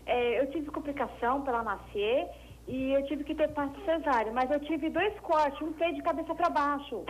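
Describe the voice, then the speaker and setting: High-voiced woman caller over a phone line. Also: a little hiss or hum. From Brazil. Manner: hesitant, halting. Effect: heard over a telephone line. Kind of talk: call-in question.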